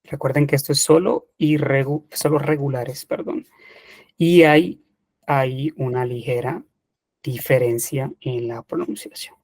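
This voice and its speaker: A man's voice: medium pitch, unhurried, darkish tone, dry recording. A man teaching English grammar in an online class, explaining step by step and checking in with the students. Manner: patient, methodical, checks in with "ok". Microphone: computer mic in online seminar.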